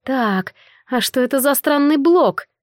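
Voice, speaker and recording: A woman's voice: sits high, expressive, measured pace, no echo, studio quality. Woman narrating a fantasy audiobook.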